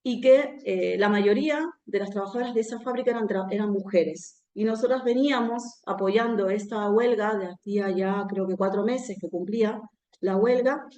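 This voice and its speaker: A woman with an Argentine accent speaks at mid pitch at a talk in front of an audience. She keeps a conversational tone and often tags her phrases with a questioning "no?". The roomy echo of the hall surrounds her voice. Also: normal speed, warm tone. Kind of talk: live public talk. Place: room where a talk is held, with an audience.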